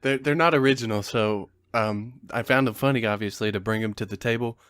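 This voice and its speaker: A man in a round-table podcast tells dad jokes and can't help laughing at them. His voice sits somewhat low, and the recording is dry and close. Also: fairly quick, fairly bright tone, clear, resonant tone, no room sound. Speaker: podcast co-host. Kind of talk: casual chat, telling dad jokes.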